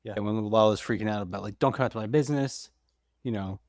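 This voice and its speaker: A man's voice: on the low side, fast talker, a little mellow, no echo. Guy co-hosting a podcast with his wife, easygoing, short replies, dry sound. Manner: laid-back, chuckles along, short replies. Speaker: podcast co-host, host's husband. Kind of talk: casual chat.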